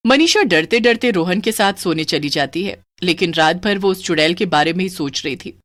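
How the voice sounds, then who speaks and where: A woman narrating a scripted horror story in an expressive, animated voice. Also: on the low side, normal speed, no echo, clean studio sound.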